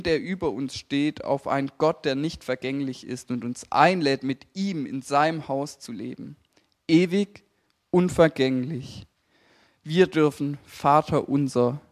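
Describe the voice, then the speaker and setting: A young man preaching a sermon, lively and emphatic, speaking directly to the congregation. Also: on the high side.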